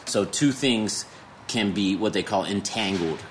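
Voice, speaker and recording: This podcast host is a man in his thirties whose voice sits fairly low with a fairly bright tone. Running a laid-back conversational interview, he swears freely and halts and restarts as he explains things, with noticeable background noise behind him.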